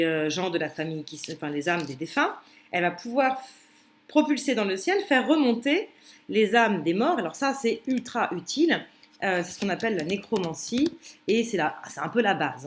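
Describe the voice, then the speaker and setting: Woman teacher, casual lecture style, explains with hesitant fillers and restarts. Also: lowish voice. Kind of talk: commented translation lesson.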